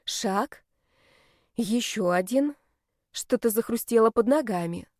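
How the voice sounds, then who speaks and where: Lady reading a fantasy story aloud, lively and expressive, dead dry recording. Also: a little high, slow, no room sound. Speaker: audiobook narrator. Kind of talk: first-person fantasy novel reading.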